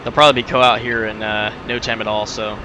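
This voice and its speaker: A man's voice: fairly low pitch, a little fast. A man giving casual gameplay commentary as a flight lead, muttering to himself and mixing in military brevity calls. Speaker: flight sim player and flight lead. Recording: noisy, steady vehicle-like drone behind.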